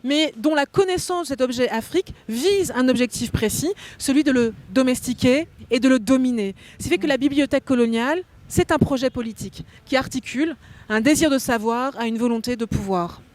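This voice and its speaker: A high, slightly mellow female voice moves fairly quickly as a guest philosopher lays out ideas at length on a cultural talk show. Born in Belgium and raised in France, she speaks in an articulate, academic manner from a hotel meeting room.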